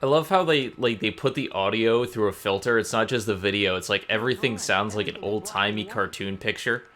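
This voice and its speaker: A man's voice: fairly low pitch, brisk, a bit bright. A man giving conversational live commentary as a game streamer, with a touch of mock drama. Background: game music.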